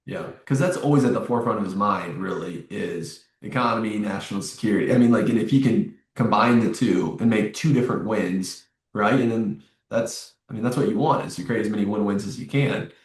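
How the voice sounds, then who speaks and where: A man's voice: fairly low pitch, a little fast, few pauses, recorded from a distance. A man co-hosting a podcast, chatting casually and agreeably with hesitant restarts. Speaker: podcast co-host. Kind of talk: casual conversational chat. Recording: roomy echo, set back from the mic.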